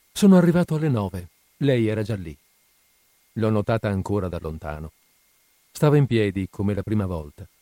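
A man reading a classic story aloud with measured, somber narration. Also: on the low side, dark tone, dry recording. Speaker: reader.

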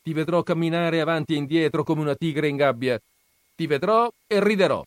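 A man voicing a sharp-tongued, teasing old grandmother in a read-aloud story. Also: on the high side, fairly quick, no room sound, studio quality, pitched above the performer's own voice, close to an everyday voice.

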